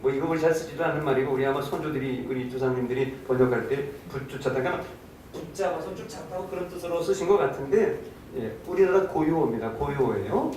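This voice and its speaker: A man's voice: fast talker, darkish tone. A male pastor telling a story in a sermon, acting out quoted lines and asking the congregation questions. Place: church sanctuary. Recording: echoey hall, distant mic, faint rumble.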